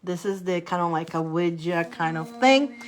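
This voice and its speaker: A woman's voice: on the low side, animated, moderate pace, a little hiss or hum. A bubbly, giggly woman hosting a tarot livestream, chatting casually with her viewers. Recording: light music in the background. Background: background music.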